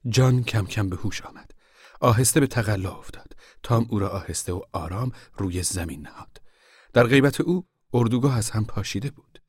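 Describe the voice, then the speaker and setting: A low-voiced man reading an audiobook in a measured, even way. The sound is dry and close, with no room around it. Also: husky, no room sound. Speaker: narrator. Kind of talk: scripted audiobook narration.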